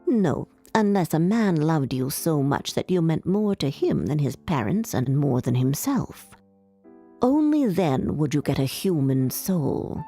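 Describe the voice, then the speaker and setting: A woman voicing a gentle old mermaid grandmother who explains calmly and patiently. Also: low voice, unhurried, soft background music, exaggerated voice.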